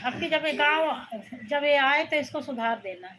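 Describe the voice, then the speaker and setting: A woman's voice: high-pitched, lively intonation, a little slow, fairly bright tone. A woman hosting a casual live stream from a room at home on a phone. She greets viewers by name and scolds a child off to the side.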